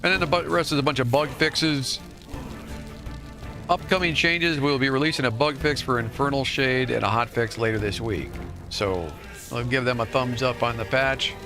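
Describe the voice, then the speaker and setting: A man's voice: medium pitch, normal speed, over music. A man streaming a game live, reading patch notes aloud and chatting to viewers in a playful, jokingly boastful way. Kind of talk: live gameplay commentary and patch-note reading.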